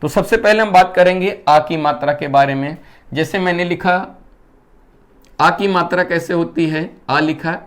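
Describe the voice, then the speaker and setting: A male Hindi teacher giving a classroom-style lesson. He asks the class questions, answers them himself in a lower voice, and keeps checking that they understand. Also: fairly bright tone. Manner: keeps checking whether students have understood.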